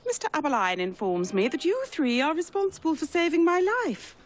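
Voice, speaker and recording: Regal british queen, high voice, very up and down, bossy and formal, game scene w music. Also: big pitch swings, fairly quick. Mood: regal, commanding. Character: imperious, formal British queen of the Victorian era. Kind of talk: video game cutscene acting. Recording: music behind.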